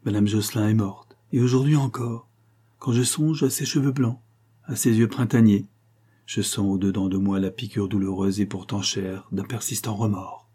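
Dark husky male narrator. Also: on the low side, steady tone. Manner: measured literary reading. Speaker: audiobook reader. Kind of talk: scripted narration.

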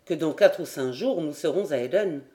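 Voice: medium pitch, expressive, normal speed, mellow, natural voice. An earnest young sea captain, practical and a little impatient, as an audiobook reader puts him on. He is read close to the narrator's own voice, with only a slight edge of urgency. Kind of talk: audiobook character voice.

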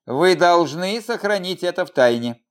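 A man's voice: high-pitched, lively intonation, moderate pace, pitched above the performer's own voice. A man voicing a mild, cautious married man who answers meekly and with restraint in an audiobook reading. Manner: meek, restrained.

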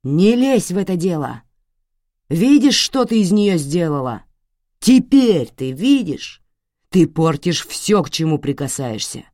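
A woman's voice: mid-range voice, sing-song, a little slow, hardly any pauses, mellow, no room sound, voice pushed up. A violent, furious father bellows his threats in this storybook reading, voiced by a woman. The voice lurches wildly up and down as he rages. It is recorded dry and close, with no room sound. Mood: furious shouting. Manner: roaring, threatening. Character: violent enraged middle-aged father.

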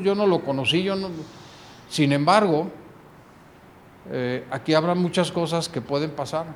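A man's voice: fairly high pitch, slight background noise. Man preaching, acting out voices. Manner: acts out dialogue with shifting voices. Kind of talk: sermon retelling scripture.

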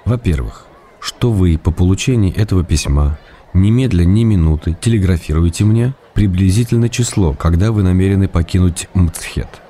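Playing a tender, ironic male writer, an actor reads the character's letters in a radio play with playful, teasing mock-drama. He speaks naturally at normal speed in a low-pitched, dark voice, with slight hiss or hum in the recording.

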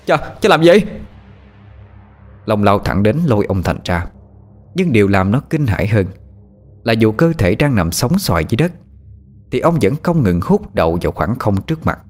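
A man's voice: lowish voice, big pitch swings, normal speed, a little mellow, soft background music. A man narrating a ghost story with dramatic, suspenseful storytelling.

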